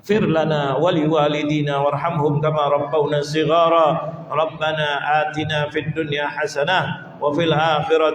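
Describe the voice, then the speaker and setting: A man preaching, asking rhetorical questions and chanting prayers. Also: on the high side. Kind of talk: mosque study sermon and prayer. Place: large mosque hall. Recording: echoey hall with long reverb.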